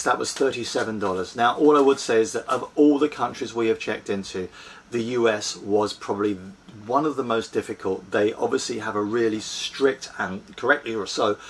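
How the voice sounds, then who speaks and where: Male vlogger in his forties, gravelly and husky, talks straight to camera in a small boat cabin with practical, earnest tips. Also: mid-range voice, fairly bright tone. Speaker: sailing vlogger. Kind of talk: explanatory talk to camera. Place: inside a sailboat cabin, small. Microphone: fixed camera at close range.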